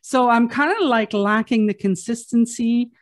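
In her fifties, a woman hosting a podcast chats openly about herself in a casual interview, speaking at a moderate pace in a fairly high voice. She laughs and restarts her sentences frequently.

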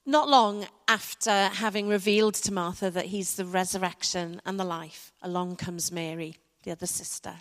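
A woman preaching a sermon to her church, reflective and measured, with soft dramatic pauses. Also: lowish voice, fairly even intonation. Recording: church hall with long reverb.

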